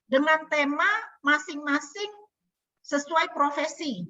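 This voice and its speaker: Husky indonesian lady coaching her group online, fairly high voice, kinda muffled call audio. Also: slow. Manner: lively teacherly, asks the group questions. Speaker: communication coach. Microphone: video call. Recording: dull lo-fi video call audio.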